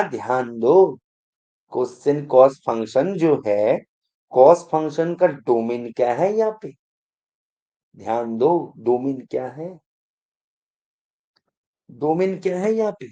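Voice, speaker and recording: A man's voice: medium pitch, lively intonation, slow pace, long pauses, mellow, muffled recording. A man teaching math in an exam-prep lecture, who keeps quizzing the students and repeating his prompts to pay attention.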